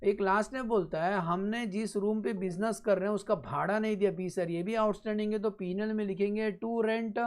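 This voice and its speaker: A man teaching an accounting class, repeating each point slowly and often checking that students follow, with blunt joking asides. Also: high-pitched, fairly even intonation. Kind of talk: classroom lecture.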